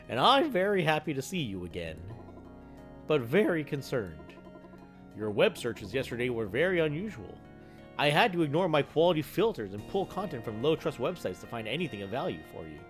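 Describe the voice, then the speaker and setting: A man voicing a chirpy, cheerful male AI program with a goofy cartoon-dog sound, friendly and doting, in a let's play. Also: fairly high pitch. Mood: cheery, worried. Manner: chirpy, sing-song, robotically polite.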